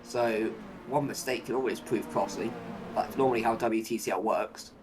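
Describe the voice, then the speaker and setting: A man's voice: fairly low pitch, moderate pace, music in the background, poor audio. A man commentating live on a motor race, play-by-play, narrating each move and posing running questions.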